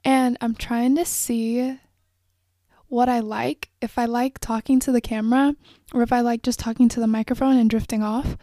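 A woman's voice: a little high, little pitch movement, moderate pace, warm tone, no echo, clean studio sound. Young woman chatting on her podcast. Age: young adult. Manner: rambling, self-reflective, frequent fillers. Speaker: podcast host. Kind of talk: casual solo podcast chat. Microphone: phone and microphone.

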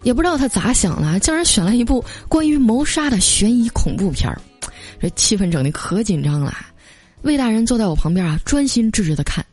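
A woman's voice: fairly high pitch, brisk, breathy edge, soft background music. Chatty woman host telling funny stories. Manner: chatty storytelling with lively quoted voices. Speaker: podcast host. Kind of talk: reading funny anecdotes.

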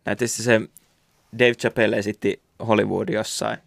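Gravelly-voiced young man rambling casually. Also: lowish voice, little pitch movement, no echo, studio quality. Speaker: podcast co-host. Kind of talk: casual chat.

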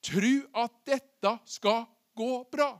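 A male preacher giving a sermon, with a voice that sits very high for a man. He keeps stopping to put questions to his listeners before he answers them himself. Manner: asks the listeners questions and acts out the quoted words.

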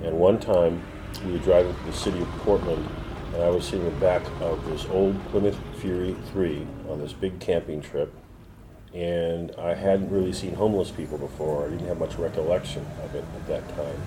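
A middle-aged man, a defense attorney, telling a personal story in an interview in a reflective, measured way with pauses. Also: deep voice, steady tone, background noise. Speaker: defense attorney, former prosecutor. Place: his law office.

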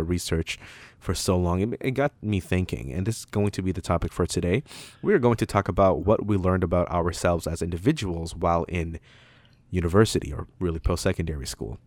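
A man's voice: low-pitched, a little fast, darkish tone, dry recording. A young Canadian man hosting a casual podcast, chatting in a joking, crude way and swearing freely. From Toronto, Canada. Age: young adult. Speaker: podcast host.

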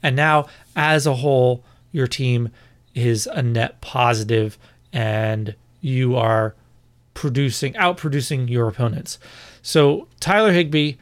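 Dude riffing on fantasy football, casual and opinionated, mid-pitch voice. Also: male voice, slow. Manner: opinionated, conversational with self-corrections. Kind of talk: casual podcast monologue.

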